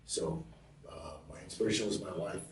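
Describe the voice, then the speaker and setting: A man's voice: sits low, steady tone, normal speed, heavy reverb, distant mic, background noise. A man who runs a fight gym, talking earnestly and emphatically in a casual podcast conversation, often repeating himself. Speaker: MMA gym owner and coach.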